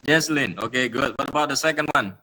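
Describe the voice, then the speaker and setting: A man's voice: mid-range voice, normal speed, sharp tone. A man with an Indonesian accent teaching an English class, mixing English words into his explanations with many fillers. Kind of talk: online class lesson.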